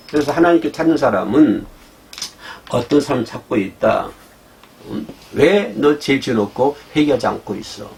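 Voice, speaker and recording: Male pastor, animated sermon delivery, gravelly, lively pitch. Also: slight background noise. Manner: animated preaching, asks the congregation "그죠?" often; acts out God's scolding voice in quotes.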